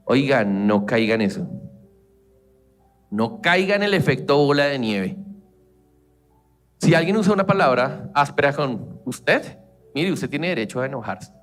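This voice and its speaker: A man with a Colombian accent giving a lively, conversational sermon as a church leader, acting out everyday family exchanges. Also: mid-range voice, a little slow, long pauses, soft background music.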